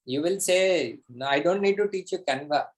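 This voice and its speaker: Emphatic Indian man coaching, higher-pitched. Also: normal speed. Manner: pushy, emphatic, repeats phrases for effect. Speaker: online business coach hosting a class. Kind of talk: live interactive teaching, mixing English and Hindi.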